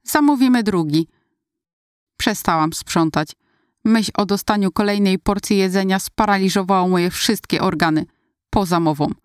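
A woman narrating a first-person story in a calm, confiding way. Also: medium pitch, moderate pace, clear, resonant tone, dry recording, studio quality. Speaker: audiobook narrator.

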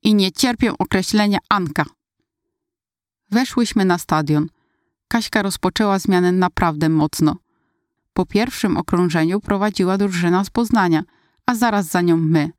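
A woman narrating a first-person story in a steady, inward-looking retelling. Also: fairly low pitch, normal speed, no echo, studio quality.

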